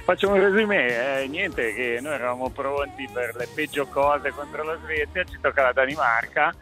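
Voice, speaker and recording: A man's voice: medium pitch, bright, forceful tone, faint music behind. A man, calling in as a sports correspondent from an airport, chatty and witty. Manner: witty, chatty, quick bursts. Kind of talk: sports commentary on a phone call-in. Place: airport security area.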